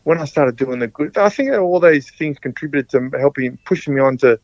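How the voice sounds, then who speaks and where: Rambling Australian man, slightly high voice. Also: a little fast, a little mellow, no room sound. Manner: rambling, restarts and repeats words often. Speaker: podcast guest, former rugby league player. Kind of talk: casual storytelling. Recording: dull, dry sound.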